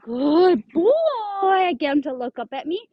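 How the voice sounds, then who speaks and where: A woman's voice: high voice, a little fast, dry recording, lo-fi sound. A woman dog trainer explaining leash handling step by step, giving firm short commands to a dog. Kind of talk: instructional demonstration.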